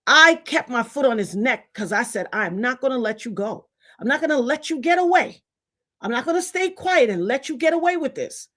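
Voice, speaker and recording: High-voiced indignant Trinidadian woman. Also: animated, a little fast, a bit bright. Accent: Trinidadian Caribbean. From Trinidad, raised in Brooklyn. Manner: indignant, emphatic, preachy. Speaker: livestream host. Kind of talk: livestream commentary rant.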